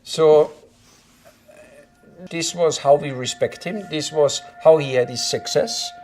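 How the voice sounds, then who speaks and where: A man speaking deliberately in a documentary interview recollection. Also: fairly high pitch, darkish tone, soft background music.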